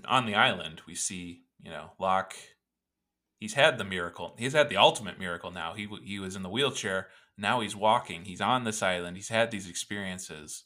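A man's voice: deep voice, moderate pace, pushed and bright. A man co-hosting a podcast, chatting casually and rambling with self-deprecating jokes. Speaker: podcast co-host. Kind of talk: casual chat.

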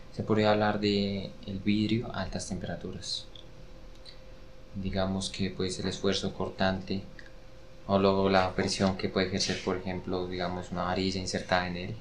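A man, a guest expert explaining patiently in a measured way with hesitant fillers. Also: low voice, a little hiss or hum. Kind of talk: casual explanatory chat.

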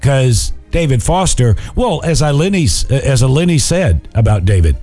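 A man's voice: medium pitch, very animated, moderate pace, mellow. A man co-hosting a podcast in casual chat, playful and teasing as he runs a music-year quiz. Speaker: podcast co-host.

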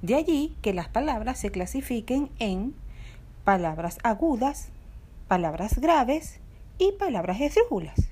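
A woman, a language teacher, giving a scripted podcast lesson in a clear, deliberate way, stressing each example word. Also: fairly high pitch, big pitch swings, a little mellow, slight background noise.

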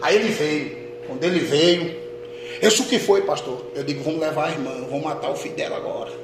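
A man, a pastor, telling a testimony in a sermon, dropping to a hush and rising to shouts. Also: on the high side, a little fast. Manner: dramatic storytelling, swings from hushed to shouting. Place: church hall. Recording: echoey hall with noise.

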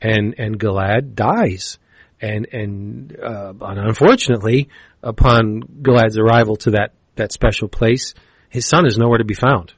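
Animated man retelling a comic plot. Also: fairly low pitch, unhurried, slightly rough, dry recording. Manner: animated storytelling, acts out characters' lines, frequent restarts. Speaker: podcast co-host reviewing comics.

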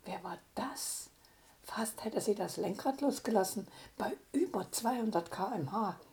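Slow-spoken grandmother storyteller. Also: mid-range voice. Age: older. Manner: calm, unhurried storytelling. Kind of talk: reading her own story aloud.

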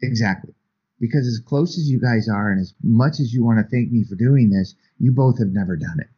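A man's voice: mid-range voice, brisk, husky. A man telling earnest stories as an author guest in an interview, with frequent restarts. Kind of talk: storytelling in an interview. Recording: dull lo-fi sound.

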